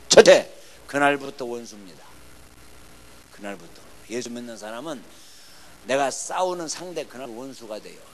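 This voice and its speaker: A middle-aged man preaching a revival sermon in a church, swinging between loud bursts and hushed lines and acting out quarrels. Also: mid-range voice. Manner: emphatic, swings from shouting to near-whispers, acts out quarrels. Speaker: pastor. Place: church sanctuary.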